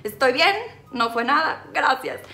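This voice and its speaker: A woman's voice: sits high, a little slow, bright, forceful tone, a little hiss or hum. A woman, telling a comic story to camera in a dramatic, self-mocking way. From Sinaloa, Mexico. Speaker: vlogger.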